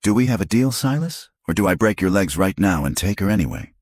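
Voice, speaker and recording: Man doing a rough scary outlaw type from a western story, threatening, raspy, dry close sound. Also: deep voice, sing-song, quick pace, darkish tone, no room sound, pitched above the performer's own voice. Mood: menacing. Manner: threatening, cold. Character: rough menacing stranger, older man.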